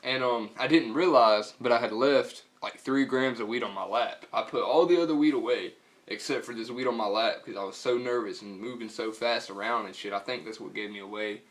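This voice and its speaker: A man's voice: medium pitch, brisk, a bit bright. A young man with a Southern US accent telling a story casually in a slangy, profane, rambling way. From North Carolina, US.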